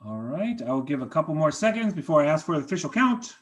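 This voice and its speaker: Over a video call, a man runs a members' meeting, handling motions and votes in a brisk, courteous, procedural manner. His voice is a little high and sing-song.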